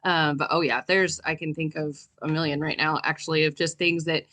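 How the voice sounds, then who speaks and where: Fast-talking chatty woman co-host. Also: low-pitched, level tone, fairly bright tone. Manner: chatty, peppered with "like". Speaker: podcast co-host, HR director. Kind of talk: casual podcast chat.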